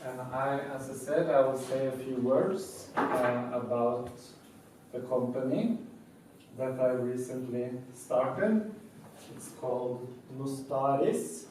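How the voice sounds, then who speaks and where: A man in his thirties from Norway, giving a prepared talk to a live audience in a calm, methodical way with pauses. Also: medium pitch, noisy background. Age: 30s. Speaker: speaker presenting his company. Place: meeting room with a live audience. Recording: echoey room, mic at a distance.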